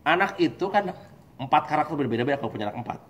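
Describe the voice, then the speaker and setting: A man giving a lively, joking religious study talk, acting out husband and wife voices. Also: fairly high pitch, rapid-fire, a little hiss or hum. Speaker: preacher.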